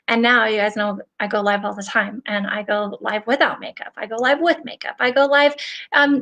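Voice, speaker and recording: A middle-aged woman hosting a casual live stream, talking straight to her viewers in an earnest, chatty way and laughing often. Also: on the high side. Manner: animated, with frequent laughter. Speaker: host of a live stream for nail professionals.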